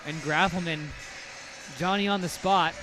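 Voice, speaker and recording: A man doing play-by-play commentary on a hockey game, with rapid calls that surge loud on goals. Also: high-pitched, fairly even intonation, over music. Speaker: play-by-play announcer.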